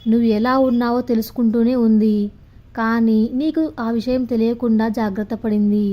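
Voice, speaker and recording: A woman's voice: on the high side, steady tone, moderate pace, lo-fi sound, natural voice. A woman voicing a lovesick young man who pleads earnestly with his beloved. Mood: gentle.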